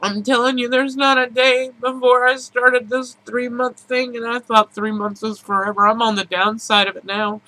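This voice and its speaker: A woman's voice: fairly high pitch, little pitch movement, moderate pace, few pauses, sharp tone, poor audio. A woman speaking candidly and emotionally in a personal vlog, with emphatic, repetitive, earnest phrasing. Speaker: personal video blogger.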